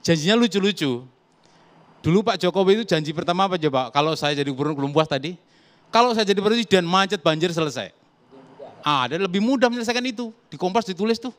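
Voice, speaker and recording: Fast-talking, emphatic male commentator. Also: high voice. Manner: emphatic, lively argumentative. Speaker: political commentator guest. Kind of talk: talk show political debate.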